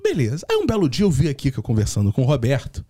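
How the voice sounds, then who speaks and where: Animated Rio man telling a story. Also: mid-range voice, fast talker. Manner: animated storyteller, laughs through his lines. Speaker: podcast co-host. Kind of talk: casual comedic podcast chat.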